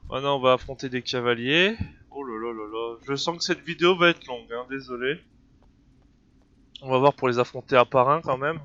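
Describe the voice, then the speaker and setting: Here's a man with a cold doing casual gameplay commentary, unsure of what's going on and full of fillers and false starts. His medium-pitched voice is bright and forceful. The noisy home recording has its highs cut off.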